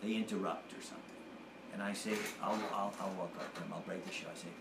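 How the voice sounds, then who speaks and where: A man with a fairly low voice talks through show-business stories at an easy pace, a comedian being interviewed. He slips into other people's voices when he quotes them. The sound bounces around a room, with a clear bed of background noise behind him. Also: steady tone, reverberant. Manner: unhurried storyteller who acts out quotes. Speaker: comedian guest. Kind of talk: casual interview chat.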